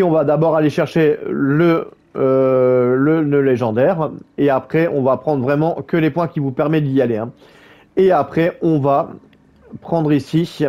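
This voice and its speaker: A gaming YouTuber with a mid-range voice narrates a casual gameplay guide, walking through a game build. He stumbles over his words, filling the talk with fillers and restarts, and the recording sounds muffled.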